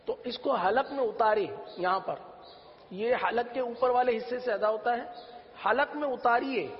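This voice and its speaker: High-voiced teacher drilling letters slowly. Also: male voice. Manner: slow drawn-out sounding of letters, repeated drills. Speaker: Quran reading teacher. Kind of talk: religious TV lesson on letter pronunciation. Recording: echoey hall, dull lo-fi sound.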